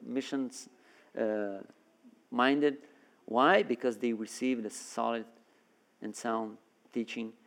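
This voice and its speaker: A man from Brazil preaching a sermon as a guest, earnest and full of restarts and repeated words. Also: medium pitch. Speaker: guest preacher and seminary worker.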